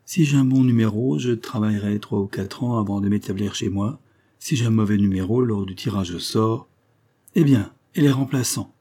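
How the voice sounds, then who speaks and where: Low, dark, husky voice playing a steady young farm man, earnest and proud , as the narrator reads him. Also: a little fast.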